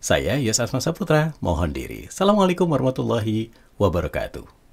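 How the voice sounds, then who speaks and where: Deep-voiced male channel host. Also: huge pitch swings, a little fast, vocal fry, heavy background noise. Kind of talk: closing remarks to viewers.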